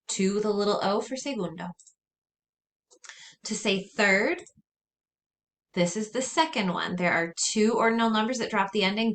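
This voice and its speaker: A woman teacher giving a recorded lesson, drilling words slowly and carefully and repeating them for her students. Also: mid-range voice, fairly bright tone. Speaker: Spanish teacher.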